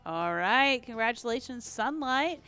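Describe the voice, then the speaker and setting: Lady co-host reading out leaderboard names n scores, fairly high voice, casual, music in the back. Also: lively intonation, a little slow, vocal fry, pushed and bright. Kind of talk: live game standings announcements, casual. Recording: background music.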